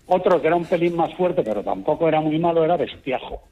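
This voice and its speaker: A husky, middle-aged man phones in from Madrid, his voice a little dull and muffled by the line. He speaks slightly high for a man, calm and unhurried. He was born in Extremadura. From Extremadura, raised in Madrid. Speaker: caller. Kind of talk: phone-in chat.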